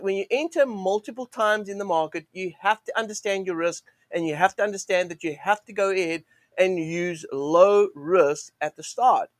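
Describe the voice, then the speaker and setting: The host of a live forex trading show speaks in a high, croaky voice strained by a sore throat, teaching in a live-stream monologue. He rambles with many fillers and restarts and keeps repeating stock phrases like "go ahead and." The sound is close and dry with no room sound.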